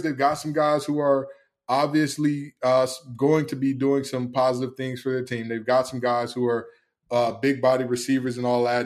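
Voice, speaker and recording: A man hosting a solo football preview, talking emphatically with many fillers and repeated phrases. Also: mid-range voice. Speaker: sports analyst host. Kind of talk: solo sports preview commentary.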